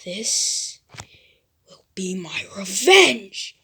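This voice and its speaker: A woman's voice: mid-range voice, very animated, takes it slowly, slightly rough, heavily acted. A woman voicing a desperate, angry young teenage boy ninja who cries out and vows revenge in a fan story. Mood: vengeful. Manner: shouting, pleading, vengeful.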